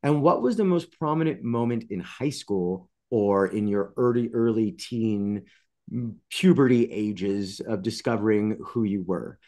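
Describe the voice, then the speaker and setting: A man in his thirties hosting a writer interview on a video call, talking in an animated, expressive way. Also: lowish voice, measured pace. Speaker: interview host. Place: home studio with colored light strips.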